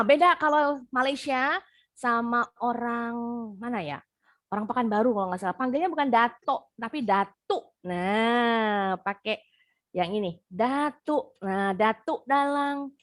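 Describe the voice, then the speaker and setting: A woman's voice: a little high, measured pace, a bit bright, no echo, clean studio sound. A young woman with an Indonesian accent teaching an English class over a video call, patiently explaining and repeating words for pronunciation.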